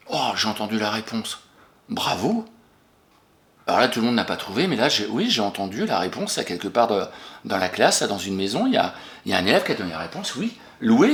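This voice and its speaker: A French-accented male teacher walks young pupils through spelling words one by one, asking questions and cheering each answer. His voice swings up and down with lively, animated pitch, and it rings in a roomy, echoey space. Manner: encouraging, patient, questions and praises pupils. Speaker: primary school teacher. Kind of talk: remote spelling lesson for young children.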